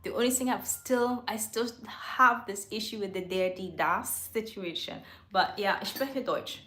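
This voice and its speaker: A chatty woman talks straight to camera into a microphone in her home studio. She laughs often and corrects herself mid-sentence. Her pitch sits mid-range, and the room gives her voice a noticeable echo. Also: unhurried, pushed and bright. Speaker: livestream host. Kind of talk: casual face-to-camera chat. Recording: roomy echo.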